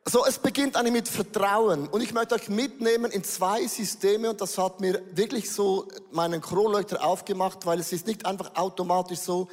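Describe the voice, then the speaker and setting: A man preaching a lively sermon as pastor, dropping English phrases into his German. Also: high voice, in a large hall.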